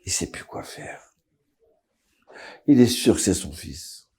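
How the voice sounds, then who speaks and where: A man, a rabbi, tells a story dramatically and drops to a hush at tense moments. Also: deep voice, sing-song, slow pace, husky.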